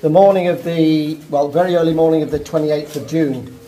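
A middle-aged man explains things as a cave tour guide in a slightly high voice. The cave echo rings around his halting phrases, and music plays behind him. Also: steady tone, warm tone. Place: inside a large cave. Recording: echoey cave, music over the voice.

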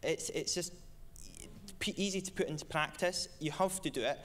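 A man's voice: a little high, moderate pace, a bit bright. Passionate young man being interviewed. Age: young adult. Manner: passionate, eager. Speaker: award winner. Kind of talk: on-stage interview.

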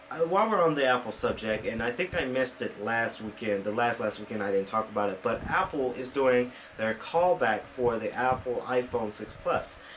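A young man hosts his own weekend vlog, talking casually to a webcam in his small bedroom with a computer desk. His medium-pitched voice is a bit bright, and the poor audio has slight background noise. He rambles with plenty of fillers and restarts, gesturing with his hands as he talks.

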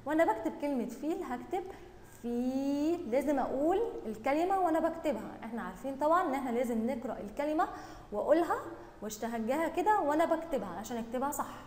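Egyptian kindergarten teacher lady, high voice, drags out words slowly, echoey room w long reverb. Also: expressive, a little mellow, a little hiss or hum. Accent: Egyptian Arabic. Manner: drawn-out syllable-by-syllable reading, praising and questioning pupils. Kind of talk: recorded online lesson for young children.

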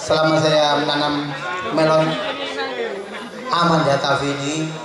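A middle-aged farmer giving a testimonial at an outdoor event, slow and earnest, word by word. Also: male voice, completely flat delivery. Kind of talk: public testimonial speech. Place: outdoor tent event in a village. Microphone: handheld mic through loudspeakers. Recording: booming PA echo, distant, crowd around.

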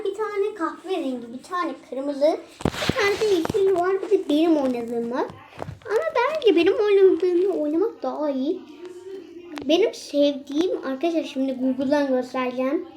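A woman's voice: sits high, a little mellow, slight background noise. A young woman chatting casually and exclaiming as she plays a mobile game for her channel. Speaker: gaming channel host.

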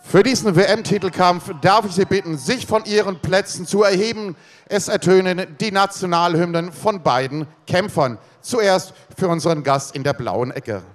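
A man working as a ring announcer, introducing fighters in a formal, showy arena announcer style with drawn-out names. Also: high-pitched. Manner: drawn-out showman delivery of names. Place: large indoor arena, in the boxing ring. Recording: echoey arena PA with long reverb.

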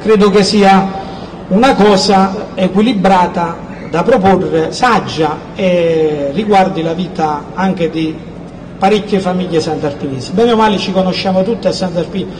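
A man's voice: high voice, unhurried, darkish tone, low-quality recording. A middle-aged man with a southern Italian accent from Campania gives an emphatic, insistent political speech, repeating key words. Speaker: local politician. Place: outdoor town square. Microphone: microphone on a stand, amplified. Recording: outdoor public address with background noise.

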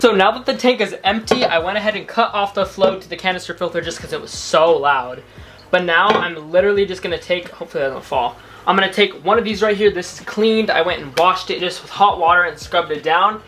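A young adult American aquarium vlogger narrates and chats casually to a camera, mostly indoors in a home room lined with fish tanks. He speaks a little fast in a high voice, with music playing underneath.

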